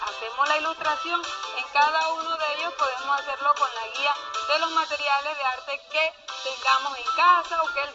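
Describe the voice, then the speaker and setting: A woman teacher explaining spelling rules to young pupils in an online class, slow and patient. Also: sits high, muffled recording. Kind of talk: online class lesson for children.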